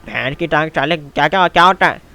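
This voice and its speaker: A man hosting a game video, chatting casually and excitedly, calling his viewers "my son". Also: fairly high pitch, quick pace. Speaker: gaming channel host. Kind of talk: casual game commentary and role-play.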